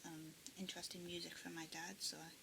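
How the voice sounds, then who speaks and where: Woman art vlogger, casual and rambling, soft half-whispered asides, fry-heavy voice over a noisy home recording. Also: fairly low pitch, fast talker. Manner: rambling, many ums and restarts; often drops to a half-whisper. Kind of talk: casual sketchbook tour. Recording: steady background noise.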